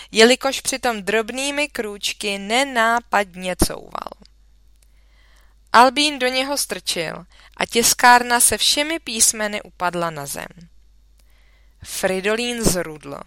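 A woman reads a children's storybook aloud in a lively storytelling manner. Her voice is bright and crisp. The studio sound is dry and close. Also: on the high side, no echo. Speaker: audiobook reader. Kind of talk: children's audiobook narration.

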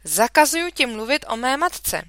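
Woman doing indignant mother, high, bright, loud. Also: sing-song, no room sound, exaggerated voice. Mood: shrill. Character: indignant scolding mother, shrill and accusing.

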